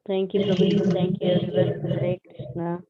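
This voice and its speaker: A woman's voice: fairly low pitch, completely flat delivery, moderate pace, noisy background. A woman reciting scripture verses formally, heard over an online call. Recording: thin phone-like online call.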